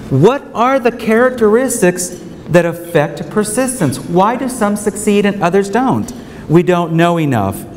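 Slow, emphatic man in a reverberant hall. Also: a little high, a little mellow. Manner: earnest, emphatic, repeats key points. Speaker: keynote speaker. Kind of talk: conference keynote lecture. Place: large hotel ballroom with seated audience. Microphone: podium microphone. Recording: reverberant hall, faint room noise.

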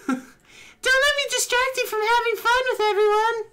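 A man voicing a bubbly high-school girl in a squeaky falsetto during a let's play. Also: steady tone, measured pace, pushed and bright, full character voice. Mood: chirpy. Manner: squeaky falsetto, sing-song.

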